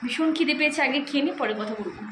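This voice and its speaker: A slightly hoarse woman chatting briskly at home over dinner for her vlog. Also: high voice, roomy sound, noisy background. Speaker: cooking vlogger. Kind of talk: casual vlog chat at home. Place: room at home during dinner.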